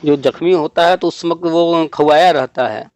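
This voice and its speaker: A man's voice: fairly high pitch, moderate pace, a little mellow. A man hosting a channel, talking on a call, urging everyone to act in an emphatic, repetitive way. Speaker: channel host. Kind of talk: phone call chat.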